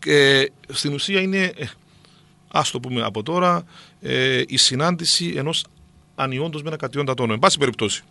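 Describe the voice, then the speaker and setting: A man's voice: medium pitch, creaky, pushed and bright, no echo. A middle-aged man explaining at length to a co-host, with many hesitant fillers. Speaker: guest.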